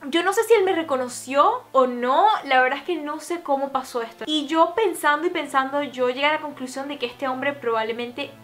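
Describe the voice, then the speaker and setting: High-voiced young woman telling a story. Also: fairly bright tone. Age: young adult. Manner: fast storytelling with many fillers. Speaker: YouTuber. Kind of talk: storytime vlog.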